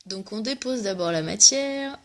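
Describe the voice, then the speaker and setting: Unhurried and expressive, a young woman's medium-pitched voice carries a makeup tutorial. Coughing now and then, the cosmetics-selling vlogger chats casually and jokes in a self-mocking way.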